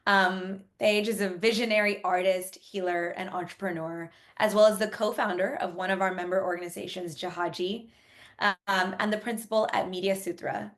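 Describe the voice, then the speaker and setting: A woman organizer walks an online audience through announcements. Her voice sits at a middle pitch, and she fills pauses with ums. She restarts phrases now and then in a sincere, appreciative way. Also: fairly even intonation. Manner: warm, grateful, frequent ums. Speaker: summit organizer introducing keynote. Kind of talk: online event presentation.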